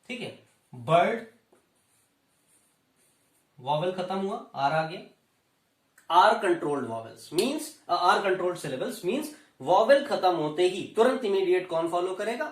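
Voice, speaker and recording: A man with an Indian accent giving a lecture, explaining slowly and repeating key terms as he moves between Hindi and English. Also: high voice. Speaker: teacher. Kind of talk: classroom lecture. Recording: roomy echo, voice from a distance.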